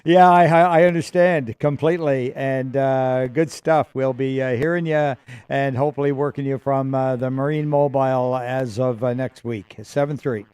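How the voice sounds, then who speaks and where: A man's voice: medium pitch, fairly even intonation, moderate pace, darkish tone, clean tone, no echo. A man acting as amateur radio net controller, chatty and hesitant as he mixes small talk with call-sign procedure. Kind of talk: informal radio net check-ins. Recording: faint static and radio clicks.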